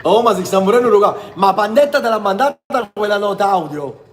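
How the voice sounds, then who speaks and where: A man's voice: high voice, lively intonation, a little fast. A man from Sicily with a southern Italian accent, a singer hosting a livestream in casual chat. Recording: echoey room, music behind.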